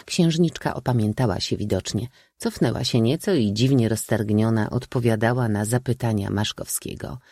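A man reading a novel aloud as narrator in a measured, expressive way. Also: fairly low pitch, no echo, clean studio sound. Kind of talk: audiobook reading.

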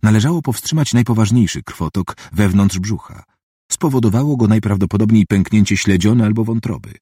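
Low, husky male audiobook narrator. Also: brisk, warm tone, no room sound, studio quality.

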